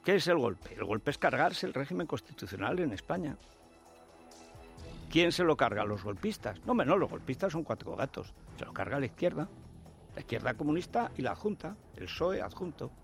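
A man with a Spain Spanish accent delivers a scornful political monologue, jabbing with sarcasm and rhetorical questions. His voice sits somewhat high and leaps up and down animatedly. Quiet music plays underneath. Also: big pitch swings, normal speed, vocal fry. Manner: sarcastic, combative, mocking. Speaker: political commentator. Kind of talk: opinion monologue.

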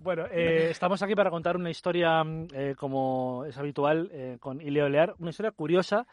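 A middle-aged man hosting a casual radio chat, easygoing and quick to agree. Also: a little high, no echo. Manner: easygoing, with frequent short agreements. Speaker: radio host.

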